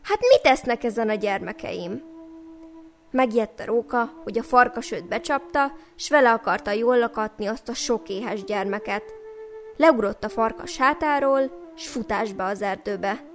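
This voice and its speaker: A woman's voice: on the high side, faint music behind. A woman telling a folk tale in a lilting, rhythmic way. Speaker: storyteller.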